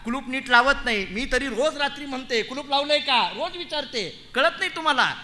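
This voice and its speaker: A man's voice: extremely high pitch, expressive, brisk, bright, forceful tone, exaggerated voice. A man voicing a bossy older mother-in-law who keeps the house keys, scolding and self-important.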